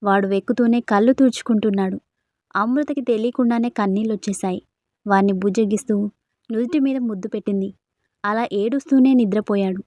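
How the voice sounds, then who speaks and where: A woman narrating a dramatic family story in a steady, expressive reading voice. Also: mid-range voice, fairly quick, dry recording, lo-fi sound.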